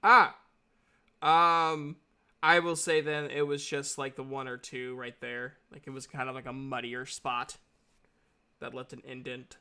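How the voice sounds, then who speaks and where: A man's voice: mid-range voice, level tone, a little slow, pushed and bright, clean tone. A man narrating as dungeon master of a tabletop game, hesitant and full of fillers. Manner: hesitant, many fillers and restarts.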